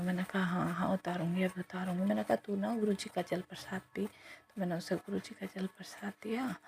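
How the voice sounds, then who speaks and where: A middle-aged woman tells a devotional testimony to a congregation, narrating evenly and dropping into soft whispered asides. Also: medium pitch, creaky. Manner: flat, even storytelling with soft whispered asides.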